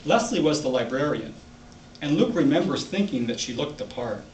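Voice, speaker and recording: An author reads his own literary short story aloud to a live audience in an indoor library event room. His voice is on the high side and a little mellow, with lively intonation at a normal speed. The mic is distant, so the room sounds echoey with some background noise.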